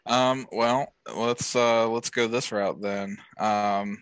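A man's voice: on the low side, steady tone, slow pace, a bit bright, smooth, no echo. A man chatting casually and improvising a goofy story, laid-back and profane, full of "like" and "bro".

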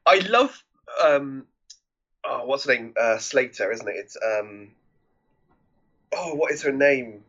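A man with a bright, forward voice chats through favourite films with a co-host, and his tone stays amused and easygoing. His mic sounds dull and lo-fi, with the top end rolled off. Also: medium pitch, animated, slow, pauses often. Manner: chatty and amused, laughs often. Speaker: podcast co-host. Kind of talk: casual film review chat.

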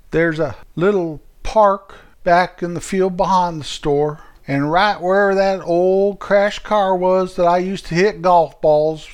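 Rambling older man with a high voice. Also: clean tone. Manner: rambling, homespun. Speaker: retired shop owner telling his story. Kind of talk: folksy comic monologue.

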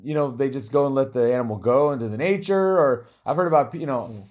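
A man's voice: medium pitch, fast, a little mellow. Casual man. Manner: joking, acts out imagined remarks. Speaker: podcast host. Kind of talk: casual conversational interview.

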